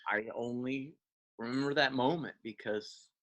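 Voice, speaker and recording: A man, talking as an interview guest and reminiscing in a halting way, with many fillers and restarts. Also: medium pitch, fairly bright tone. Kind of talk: casual interview.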